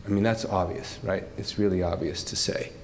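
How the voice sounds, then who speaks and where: An older man giving heartfelt off-the-cuff remarks at a tribute, emotional and close to tears, speaking haltingly with many restarts and laughing through it. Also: deep voice, fairly even intonation, darkish tone, slight background noise. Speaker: speaker at a corporate tribute event.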